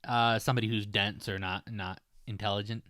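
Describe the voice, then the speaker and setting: A man in his thirties co-hosting a casual podcast, easygoing and quick to laugh as he guesses the meanings. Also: fairly low pitch, steady tone, bright, forceful tone, dry recording, studio quality. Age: 30s. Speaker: podcast co-host.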